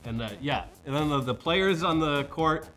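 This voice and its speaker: Bright-voiced young man joking about the news. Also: on the high side, expressive, faint music behind. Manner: joking, loose, with quick voices for quotes. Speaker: co-host. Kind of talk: casual comedic news chat. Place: studio.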